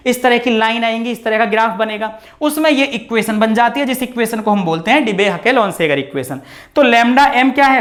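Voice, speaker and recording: A man teaching a lecture at a board, repeating key terms and asking quick questions to check understanding. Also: sits high, fairly bright tone.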